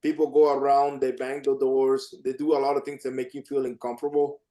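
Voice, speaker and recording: A man's voice: mid-range voice, flat delivery, brisk, mellow. A man, an artist, chatting casually and rambling on a video call, often repeating himself. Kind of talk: casual chat.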